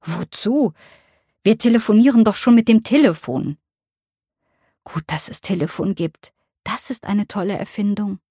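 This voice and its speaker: A woman reading the part of a frail, childlike elderly mother in a care home, speaking softly and simply. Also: medium pitch, unhurried, long pauses, breathy edge, no echo, studio quality, pitched above the performer's own voice. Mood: baffled. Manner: soft, quiet and simple.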